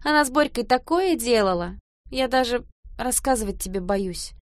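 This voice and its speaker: Woman playing an anxious, high-voiced younger sister. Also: animated, normal speed, no echo, studio quality, close to an everyday voice. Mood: urgent, anxious.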